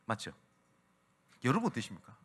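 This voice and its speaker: A man preaching a Sunday sermon at a church service. He speaks at a middle pitch, but his intonation is extremely lively. He rises and plunges dramatically as he acts out the voices in his stories. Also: normal speed, husky. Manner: animated preaching, acting out quoted speech. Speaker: pastor.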